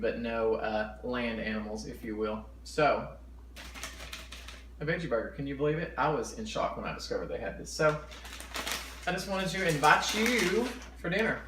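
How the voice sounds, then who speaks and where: A man's voice: mid-range voice, lively intonation, moderate pace, fairly bright tone. Casual male mukbang host, talks while chewing, echoey home kitchen, slight background noise. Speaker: mukbang vlogger. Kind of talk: casual eating-show chat to camera.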